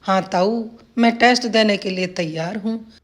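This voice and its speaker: A woman voicing an eager but clumsy foreign man who speaks in earnest, halting phrases. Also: mid-range voice, lightly acted.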